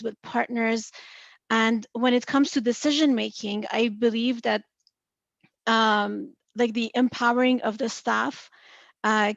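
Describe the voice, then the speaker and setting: A woman with a noticeable non-native accent, a finance panellist, explains earnestly over a video call on a virtual panel, using examples and many fillers. Her voice is fairly high and gravelly. The sound is lo-fi with no room sound.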